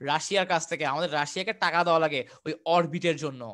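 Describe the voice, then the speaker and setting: Young man, from Bangladesh, online tutor, high-pitched, chatty, repeats himself. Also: steady tone, very fast, fairly bright tone. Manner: chatty, repeats phrases, answers viewer questions. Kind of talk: live online exam-prep class.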